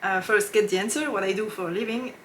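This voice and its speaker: A knitting podcast host with a French accent and a mid-range voice chats casually to camera against slight background noise. She laughs often and pauses with fillers when searching for English words.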